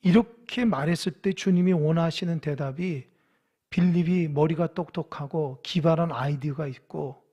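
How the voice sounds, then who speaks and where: A man delivers a sermon in a church in a high, husky voice. He talks to the congregation as if in conversation and keeps asking them questions. He acts out the lines of the biblical figures he is describing. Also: moderate pace, dark tone, dull audio. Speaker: pastor. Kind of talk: sermon at a Wednesday church service. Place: church sanctuary.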